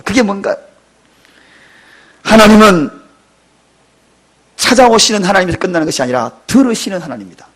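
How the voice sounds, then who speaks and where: A man in his fifties, a pastor preaching a sermon in a church, dramatic and emotional, with sudden loud outbursts and tearful cries. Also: fairly high pitch, slightly rough. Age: 50s. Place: church sanctuary.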